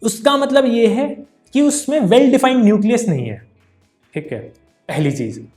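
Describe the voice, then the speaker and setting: A man's voice: very high voice, lively intonation, a little slow, darkish tone, soft background music. A man teaching a casual Hindi-English science lesson. He jokes, teases and calls the viewer brother. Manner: playful mispronunciations and asides. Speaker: online tutor.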